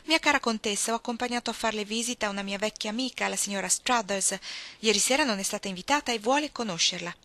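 A woman reading an audiobook, voicing a courtly old duke with a hurried, formal manner. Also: medium pitch, pushed and bright, natural voice.

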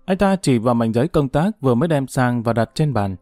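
A man narrating a story audiobook in a steady, measured way. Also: medium pitch, dry recording, studio quality, soft background music.

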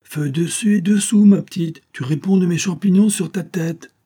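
A man voicing a hearty, playful country gentleman who is smitten. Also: high voice, normal speed, husky, voice pushed up. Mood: jovial shouting.

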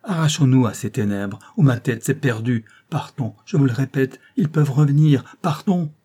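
Man playing a desperate young lover, fervent, pleading, loud and higher, dark husky tone. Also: normal speed, close to an everyday voice. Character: passionate desperate young nobleman.

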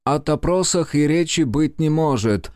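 An insistent doctor with a Baltic accent, voiced by a man reading a story. His higher voice lays down demands categorically. The recording is close and dry. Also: expressive, a little slow, a little mellow, dry recording.

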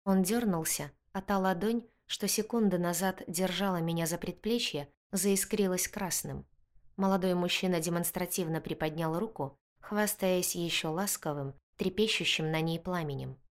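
A woman reading a first-person fantasy story aloud with expressive storytelling. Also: lowish voice, normal speed. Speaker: audiobook narrator.

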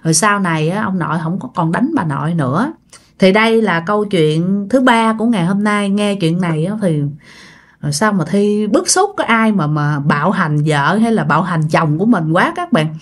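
A woman's voice: mid-range voice, normal speed. A woman with a Southern Vietnamese accent telling a ghost story casually, acting out quoted voices. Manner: animated, acts out quoted voices.

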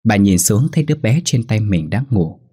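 A man narrating a ghost story in a slow, somber storytelling manner. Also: lowish voice, big pitch swings, dark tone, slightly rough.

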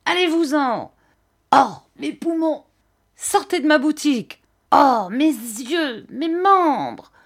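A woman's voice: sits high, animated, slow, voice pushed up, heavily acted. A woman voicing a ferocious, drunken old male rag dealer who wails his words in a shrieking sing-song.

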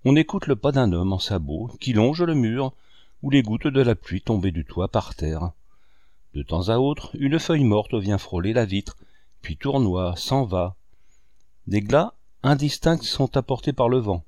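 Man, audiobook narration, lowish voice, very dry close sound. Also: no room sound. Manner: measured, expressive reading with wide rises and falls.

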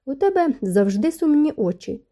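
A woman reading an intense young gentleman. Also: sits high, big pitch swings, moderate pace, pitched above the performer's own voice. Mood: tender.

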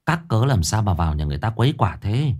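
A man voicing a stern village shamaness who scolds quickly and sharply. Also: on the low side, big pitch swings, a little mellow. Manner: scolding, brisk.

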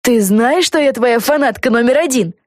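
Woman putting on an eager chattering girl, high voice, dry close sound, storybook reading. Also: animated, moderate pace, dry recording. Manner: gushing, chattering. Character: eager excitable girl fan, Lucy.

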